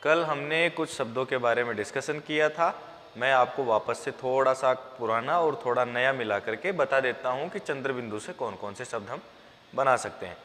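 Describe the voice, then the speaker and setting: A man teaching a lesson, sounding words out slowly syllable by syllable. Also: medium pitch, a bit bright, big-room sound, a little hiss or hum. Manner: slow, drawn-out syllable-by-syllable pronunciation. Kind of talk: classroom lesson on Hindi spelling.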